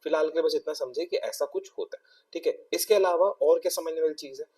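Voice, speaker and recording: Indian guy doing a maths class, kinda high voice, mellow tone, a bit off-mic. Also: fast, recorded from a distance. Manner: explains step by step, often checks in with "ठीक है". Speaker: maths teacher. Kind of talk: exam-prep lecture.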